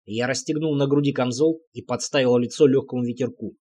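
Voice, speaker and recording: A man's voice: mid-range voice, steady tone, fairly quick, darkish tone. A man reading a first-person fantasy audiobook aloud, voicing the characters himself with only small shifts in delivery. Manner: reads all characters himself with slight shifts. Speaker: audiobook narrator.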